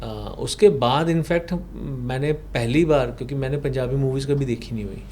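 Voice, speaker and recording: A man whose first language is Punjabi, a past life regression therapist in a podcast interview, recounting a client's session slowly with rhetorical questions. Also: mid-range voice, darkish tone, slight background noise. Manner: slow, explanatory storytelling with rhetorical questions.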